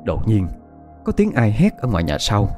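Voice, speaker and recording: A man narrating a ghost story in a steady, somber way. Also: lowish voice, normal speed. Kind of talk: scripted horror narration. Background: faint music.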